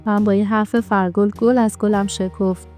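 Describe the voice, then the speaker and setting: Woman storyteller reading a story, steady and brisk, middle voice, faint music under it. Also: medium pitch.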